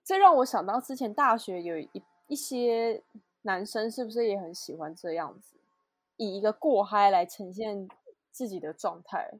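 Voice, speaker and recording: A woman co-hosting a casual podcast, asking curious questions with easy laughter. Her pitch sits in the middle range for a woman. The recording is dry and close. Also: moderate pace, no echo. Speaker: podcast co-host. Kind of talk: casual chat.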